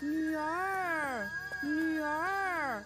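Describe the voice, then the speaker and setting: A man voicing frail elderly villagers calling out from a distance in a drawn-out, thin voice, with faint music. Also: very high voice, pushed and bright, pitched above the performer's own voice, full character voice.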